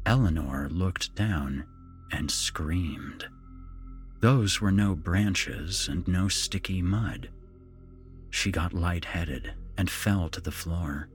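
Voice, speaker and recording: Brief: male horror storyteller, very low voice, unhurried, lively pitch, faint music under him. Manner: slow, dramatic, measured delivery. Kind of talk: scripted horror narration.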